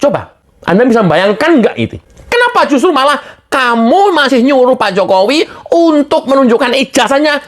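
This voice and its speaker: A woman's voice: sits high, very animated, moderate pace. A woman giving a heated political rant, exasperated and scolding, firing off rhetorical questions.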